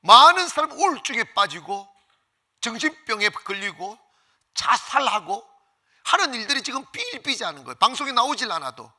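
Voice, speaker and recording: Fervent, bright-voiced Korean preacher. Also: male voice, very high-pitched, sing-song, moderate pace. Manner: fervent preaching, leads congregation in call-and-response. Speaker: pastor. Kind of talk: Sunday sermon.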